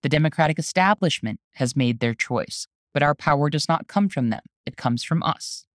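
An activist and journalist hosting the show, reading a scripted spoken essay in an earnest, urgent, deliberate way. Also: mid-range voice, lively intonation, dry recording, clean studio sound.

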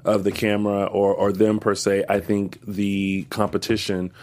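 Male guest, low voice, casual and animated. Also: moderate pace. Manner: animated, jumps into high voices when quoting. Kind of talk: casual review chat.

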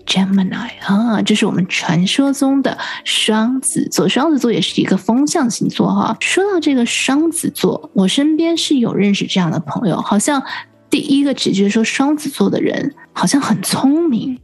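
Husky-voiced woman hosting an English lesson. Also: on the high side, lively intonation, normal speed, soft background music. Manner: curious, prompting questions, repeats answers back. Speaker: host. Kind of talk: radio lesson host asking questions.

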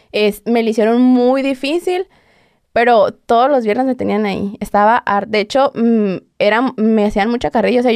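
A woman's voice: fairly high pitch, gravelly, darkish tone, no echo, studio quality. A young woman, a podcast guest telling her own story earnestly, often restarting sentences and acting out what others told her. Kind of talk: personal account in conversation.

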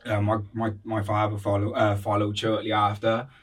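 A podcast guest from Cardiff, Wales, with a Welsh accent, tells casual stories in slangy, informal phrasing, repeating phrases and saying "like" and "bro" often. His lowish voice is monotone at a normal speed, and he sits far from the mic.

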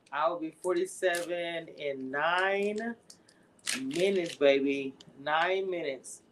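A chatty woman in her forties hosts a casual livestream and talks straight to her viewers. Her words often stretch out in a relaxed, unhurried way. Faint background noise sits behind her voice. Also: fairly low pitch, low-quality recording. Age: 40s. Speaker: livestream host.

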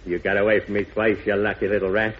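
A man's voice: fairly low pitch, flat delivery, fast, natural voice. A man playing a menacing turbaned villain in a 1940s radio drama, formal, ominous and theatrical. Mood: menacing, gloating. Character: menacing turbaned man posing as mysterious genie's servant. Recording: dull, noisy old radio recording.

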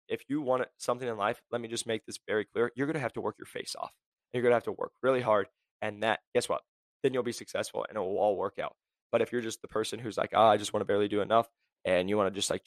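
A young man hosting a career podcast, blunt and high-energy, packed with "like" and "right?". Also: no echo. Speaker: podcast host. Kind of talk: motivational career podcast talk.

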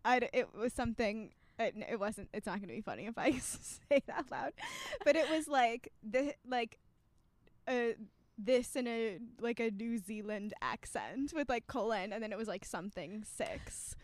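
A young woman in easy, chatty conversation, her voice sitting a little high and recorded close and dry. She talks reassuringly, leaning on "like" fillers and laughing often, as a podcast co-host. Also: normal speed, dry recording. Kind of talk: casual chat.

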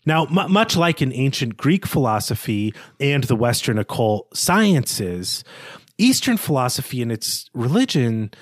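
In a clean studio recording with no echo, a male literary podcast co-host lays out his interpretation of a novel. His mid-range voice has a sing-song lilt and a measured pace as he talks through a prepared argument, bookish, discursive and self-deprecating.

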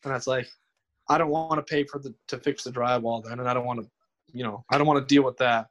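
Casual guest: young guy, rambles, restarts a lot, mid-pitched voice. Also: steady tone, highs cut off. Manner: rambling, halting, repeats himself. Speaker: guest streamer. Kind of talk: casual podcast chat.

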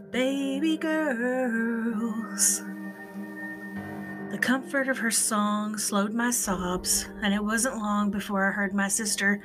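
A woman narrates a scripted first-person horror story as a podcast host, in a spooky, theatrical storytelling manner. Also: mid-range voice. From eastern Kentucky, United States. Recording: music behind the voice. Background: background music.

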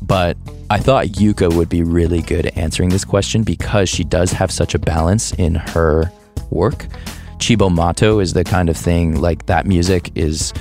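A man in his thirties hosts a podcast in a reflective monologue, his voice sitting low with a steady tone, moderate pace and a slightly mellow quality, with faint music in the background. He thinks aloud loosely and hesitantly, thoughtful, restarting sentences and laughing along the way.

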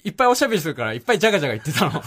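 A man's voice: a little high, fairly bright tone. A young man from Okayama telling a self-deprecating story in casual chat, laughing often. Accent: Okayama dialect. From Okayama, Japan. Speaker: podcast co-host.

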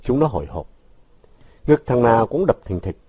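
A man's voice: mid-range voice, normal speed, breathy edge, dry recording. A man narrating a long story aloud, reading expressively. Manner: expressive, shifting with the scene. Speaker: audiobook narrator.

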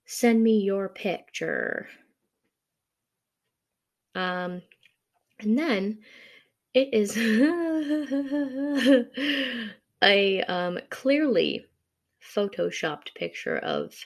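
A woman's voice: fairly low pitch, gravelly. A young adult woman hosting a casual solo podcast, rambling with lots of ums and sounding a bit frazzled. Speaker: podcast host.

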